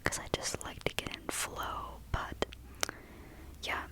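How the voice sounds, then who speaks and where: A woman host doing a calm, casual ASMR ramble in a soft, breathy whisper, close to the microphone. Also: slow pace.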